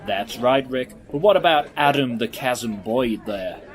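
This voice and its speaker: Brief: British man as excitable co-commentator, mid-pitched voice, punchy hyperbole. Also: measured pace, lightly acted. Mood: hyped. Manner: hyped, punchy commentary with big exclamations. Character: male sports co-commentator Dan, excitable and hyperbolic. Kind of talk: comedy sketch sports commentary.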